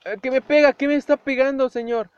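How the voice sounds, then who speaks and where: A young man with a Mexican accent giving excitable gameplay commentary, shouting, swearing and making sound effects. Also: very high-pitched, a little fast, clear, resonant tone, no echo. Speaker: gameplay youtuber. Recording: dull lo-fi home recording with faint hiss.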